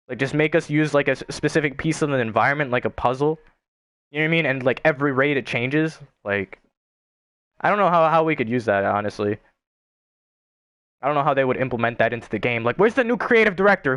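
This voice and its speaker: A man's voice: medium pitch, fairly bright tone, clear, resonant tone, no echo. A young man chatting casually on a gaming stream, rambling and swearing with lots of filler words.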